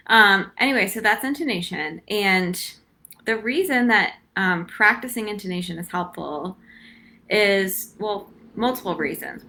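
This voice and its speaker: Bright-voiced young woman chatting thru a flute lesson live, lots of ums. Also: mid-range voice. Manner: chatty, many ums, laughs easily. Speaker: flute teacher. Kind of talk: casual live-stream lesson.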